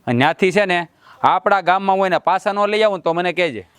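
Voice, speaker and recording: Talking fast in a high, smooth, slightly bright voice, a man portrays a swaggering middle-aged village husband in a family drama who vows to set things right. He blusters and boasts throughout. The recording is dry.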